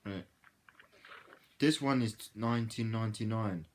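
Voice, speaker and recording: A man hosting a casual reaction video, rambling with repeated filler phrases, swearing freely and breaking into sudden loud outbursts. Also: on the low side, a little slow, a little hiss or hum.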